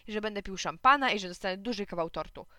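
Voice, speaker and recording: A woman's voice: medium pitch, fast, sharp tone, no room sound, studio quality, lightly acted. A woman reading a boastful, insistent schoolboy in a storybook. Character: schoolboy arguing about being a brother-in-law, boastful.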